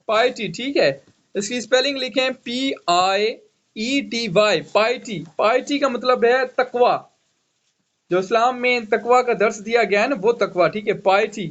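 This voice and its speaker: Over dull, lo-fi online class audio, a man with an extremely high, somewhat bright voice runs an English vocabulary lesson. He spells out every word one letter at a time and repeats "okay" constantly.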